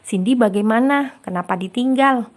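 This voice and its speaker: A woman's voice: on the high side, normal speed, lightly acted. A woman voicing a chatty young woman. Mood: puzzled. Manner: talkative, questioning.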